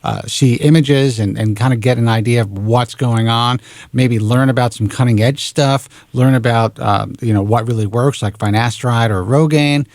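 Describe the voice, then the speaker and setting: A man in his forties hosts a talk radio show into a studio microphone, speaking frankly and with a casual curse here and there. His voice has a gravelly, creaky edge and sits in a middle pitch. The sound is close and dry, with no room echo. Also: fairly even intonation, normal speed, a little mellow. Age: 40s. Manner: frank, blunt, swears casually.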